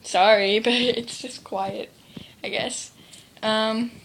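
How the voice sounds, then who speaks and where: A woman's voice: on the high side, steady tone, takes it slowly, vocal fry, a bit bright, slight background noise. A teenage girl telling a rambling story to camera in a casual vlog, near tears and full of fillers, filmed on a handheld device. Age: teens. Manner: rambling, sidetracked, many fillers. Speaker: vlogger.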